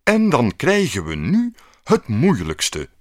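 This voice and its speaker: A man's voice: mid-range voice, wildly swooping pitch, no echo, clean studio sound, pitched above the performer's own voice, heavily acted. Rustige, uitleggende beeldenmaker, voorgelezen door een man in een kinderverhaal. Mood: explaining. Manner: slow and explaining, drawn out. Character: patient, slow old sculptor.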